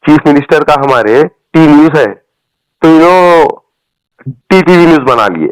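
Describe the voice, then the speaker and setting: His voice sits a little high and sounds animated yet clean, moving at a measured pace with no room sound. He is a party supporter with a Hyderabadi accent from Telangana, India, and on a recorded phone call he rants casually about politics, emphatic, colloquial, and repetitive.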